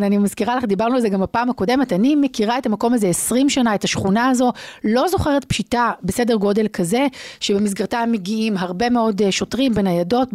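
A woman's voice: on the high side, darkish tone, no echo. Israeli woman journalist, close and dry. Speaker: investigative journalist and co-host. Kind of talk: conversational news analysis.

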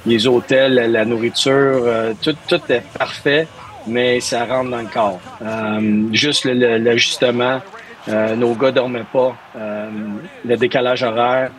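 An unhurried hockey coach from Montreal, speaking with a Quebec French accent at medium pitch and with fairly even intonation, works through interview questions. He often hesitates and repeats words as he looks for the right ones.

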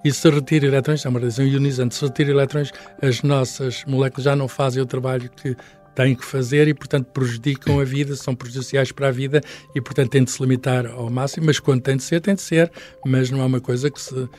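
A man's voice: mid-range voice, level tone, fast, darkish tone, soft background music. An older man with a European Portuguese accent, a science professor explaining things in casual chat, hesitant with many restarts and fillers.

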